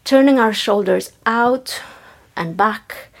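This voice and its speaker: A woman with a fairly high voice leads a guided movement class like a drama teacher. She speaks very slowly and deliberately, giving instructions and intoning single cue words with theatrical weight. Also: vocal fry.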